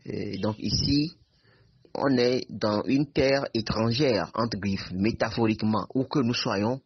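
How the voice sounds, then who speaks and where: A husky, fairly low-voiced man talks through a book at a very slow, measured pace. He lays out his ideas one step at a time. The sound is dry and dull, as if from a lo-fi recording. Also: dry recording. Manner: measured and explanatory. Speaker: book presenter. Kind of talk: literary discussion.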